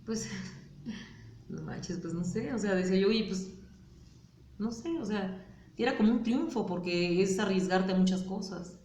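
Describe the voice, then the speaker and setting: A woman's voice: medium pitch, moderate pace, dark tone, roomy sound, a little hiss or hum. A woman with a Mexican Spanish accent, speaking candidly and hesitantly in a personal testimony interview, with many fillers and tag questions.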